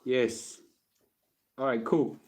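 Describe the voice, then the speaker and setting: A man's voice: mid-range voice, fairly even intonation, drawn-out words, a little mellow. Singaporean man speaking casual Singlish. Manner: colloquial Singlish phrasing with frequent "okay?" check-ins. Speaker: host giving personal finance advice. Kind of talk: casual live question-and-answer chat.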